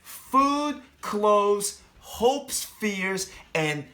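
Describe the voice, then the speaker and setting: A man who teaches is reading a picture book aloud to small children, pausing for chatty asides and asking them questions directly. He speaks very slowly in a high-pitched voice that is animated, bright, and forceful.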